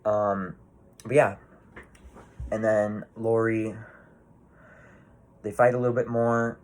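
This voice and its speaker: Male movie reviewer, low voice, casual rambling delivery, swears often. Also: level tone, slow. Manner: rambling, swears freely, many fillers and restarts.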